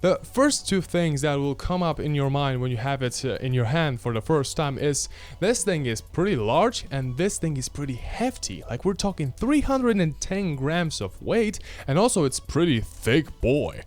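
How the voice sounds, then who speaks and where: A Polish-accented man in his twenties reviews a product casually to camera, adding wry, informal asides. His voice is on the high side with big pitch swings, a moderate pace and a darkish tone, recorded with a handheld mic near his chest in a small indoor room over soft music.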